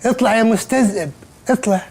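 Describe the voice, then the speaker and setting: A high, gravelly Upper Egyptian village boss who jeers and scolds at top speed. His voice leaps all over in sitcom bluster, with faint music under it. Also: fast. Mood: mocking. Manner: scolding, sarcastic, insulting. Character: bossy loud male village head, mocking. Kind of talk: sitcom acting.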